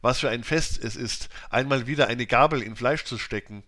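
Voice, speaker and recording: A worn-out, famished Victorian gentleman inventor, as a male reader voices him. He talks in a curt, insistent way and pushes his voice up a little. His speech stays clipped and tired. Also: medium pitch, normal speed, natural voice. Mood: hungry.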